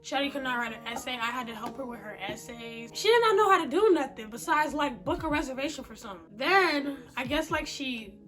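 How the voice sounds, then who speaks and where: A young woman telling a personal story in a blunt, animated, slangy way, swearing freely. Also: high-pitched, brisk, hardly any pauses. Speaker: vlogger. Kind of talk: casual storytime vlog.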